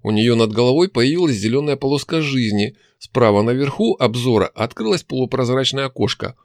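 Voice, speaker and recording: A man narrating a first-person fantasy audiobook, with expressive, animated storytelling. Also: mid-range voice, a little fast, no echo, studio quality.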